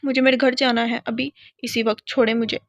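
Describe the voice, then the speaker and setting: A sharp-tongued young woman held against her will talks back with indignation, as a woman reader puts her on. The voice sits a little high with a gravelly edge, heard in a storybook reading with a dry, dull lo-fi sound. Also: little pitch movement, no room sound, lightly acted. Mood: upset. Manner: indignant, sarcastic.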